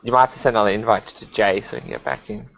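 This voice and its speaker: A man co-hosting a podcast in casual chat, calm and measured as he explains his picks. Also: fairly low pitch. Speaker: podcast co-host. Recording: dull lo-fi call audio with faint hiss.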